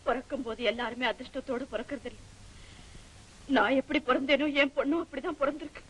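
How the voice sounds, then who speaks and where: A woman's voice: high-pitched, fast talker, fairly bright tone, slight background noise, low-quality recording. An actress playing a young mother who pleads earnestly and defends her brother. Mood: pleading. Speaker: young mother in a family film. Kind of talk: 1960s film acting.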